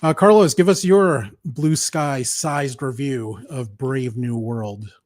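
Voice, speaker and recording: A man's voice: medium pitch, slow pace, darkish tone. A man hosting a live review show, chatty and joking, laughing now and then. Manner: chatty, laughs often, jokes. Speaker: podcast host. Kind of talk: casual livestream chat.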